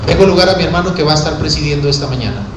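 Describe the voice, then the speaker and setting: Impassioned preacher in echoing hall. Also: male voice, on the high side, racing, background noise. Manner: impassioned, swinging from hushed to shouting. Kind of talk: sermon. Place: church sanctuary. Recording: echoey church hall.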